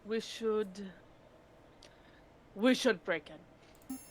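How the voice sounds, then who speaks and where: A woman's voice: mid-range voice, a little hiss or hum. A young woman co-hosting a game stream, joking and laughing with her partner and the chat. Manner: playful, laughing, slow and drawn-out talk. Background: game music.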